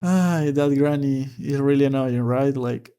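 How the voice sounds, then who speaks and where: A man's voice: medium pitch, a little slow, dark tone, clear, resonant tone. A man reading a manga aloud and commenting on it in a casual, hesitant way, often repeating words as he thinks.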